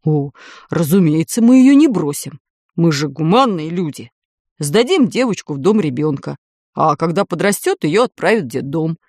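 A woman voicing a blustering, cowardly middle-aged man who shouts in panic and turns to sarcastic cheer, in a storybook reading. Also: lowish voice, takes it slowly, dry recording, clean studio sound.

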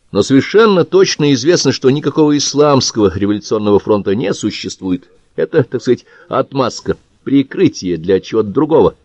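A man reading a dry, measured security chief. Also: fairly low pitch, darkish tone, no room sound, highs cut off, close to an everyday voice. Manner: dry, measured, matter-of-fact. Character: composed male anti-terror chief, dry, measured. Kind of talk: audiobook character reading.

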